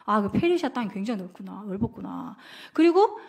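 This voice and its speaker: A woman's voice: medium pitch, sing-song, fairly quick, darkish tone, breathy edge. A woman evangelist teaching a Bible class in a casual, conversational way, constantly asking her listeners questions. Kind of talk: interactive Bible lesson.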